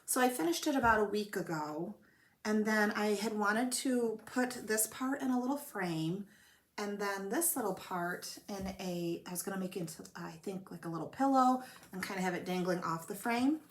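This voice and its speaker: A woman's voice: mid-range voice, moderate pace. Woman host, home stitching chat, rambly and self-deprecating, a bit under the weather from a cold. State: coughing from a cold. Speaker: flosstube host. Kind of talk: casual show-and-tell chat. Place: home room with blanketed windows.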